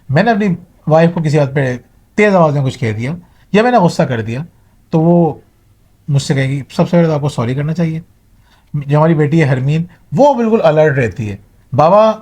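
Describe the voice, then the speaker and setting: Middle-aged male speaker, earnest advice-giving delivery, voice a touch high. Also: darkish tone. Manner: earnest, advising, mixes English words. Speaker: motivational speaker. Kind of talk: motivational talk to viewers.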